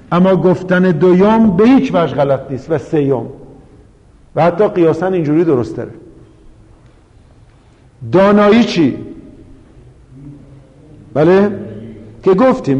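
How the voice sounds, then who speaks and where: High-voiced Persian teacher in a reverberant classroom. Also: male voice, warm tone. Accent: Yazdi Persian. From Yazd, Iran. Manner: explains step by step, asks the class questions and answers them. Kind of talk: classroom lecture on spelling and pronunciation. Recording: dull recording with long room reverb.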